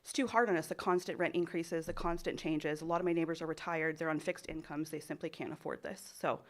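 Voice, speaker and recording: A woman's voice: sits low, steady tone, quick pace. A woman giving public comment at a county board meeting, a little out of breath, earnest and worried, with many um's.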